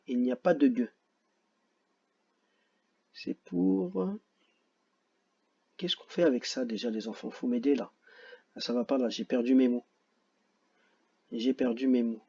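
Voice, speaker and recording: Slow, patient French teacher, dull recording. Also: male voice, mid-range voice, creaky, mellow, husky. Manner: slow and patient, repeats words syllable by syllable; jokes about his own forgetfulness. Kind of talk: recorded phonics lesson for children.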